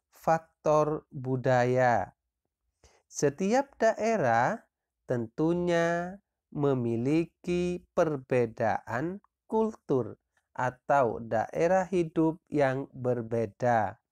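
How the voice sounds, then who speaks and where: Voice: medium pitch, clean tone. A teacher narrating a primary-school lesson video, reading out long lists of names one at a time.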